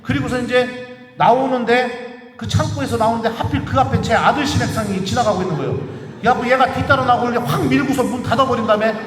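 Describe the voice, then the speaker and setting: A middle-aged male priest telling a story in a sermon, animated and acting out dialogue. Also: extremely high pitch, fast talker, faint music behind. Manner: animated, acts out dialogue with rising loudness. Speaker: priest giving a special lecture. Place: large church. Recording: echoey hall, distant mic.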